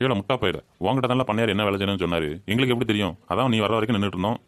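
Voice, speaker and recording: Crafty farmhand, man voicing, low, very fast, dry close sound. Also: close to an everyday voice. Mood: cheeky. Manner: rapid, cheeky, argumentative. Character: crafty male village farmhand, feigns anger. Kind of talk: village comedy skit.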